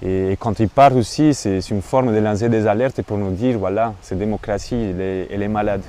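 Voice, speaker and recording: A man speaking reflectively in an interview, pausing often with fillers. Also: on the low side, steady tone, mellow. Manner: thoughtful, hesitant with fillers.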